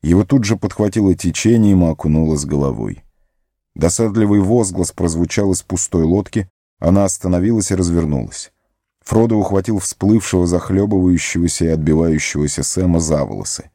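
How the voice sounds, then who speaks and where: A man narrating a fantasy audiobook in a measured, expressive storytelling voice. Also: low-pitched, no room sound, studio quality.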